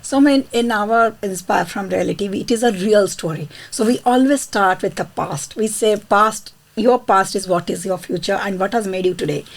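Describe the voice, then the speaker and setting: A woman's voice: medium pitch, normal speed, vocal fry, few pauses. A woman hosting a podcast interview, speaking in an effusive, encouraging way. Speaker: podcast host.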